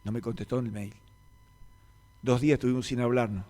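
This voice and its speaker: A man with a Rioplatense Spanish accent, a pastor preaching a sermon and telling stories, who moves from quiet, low passages to loud, emphatic peaks. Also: steady tone, brisk. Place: church meeting hall. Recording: reverberant church hall.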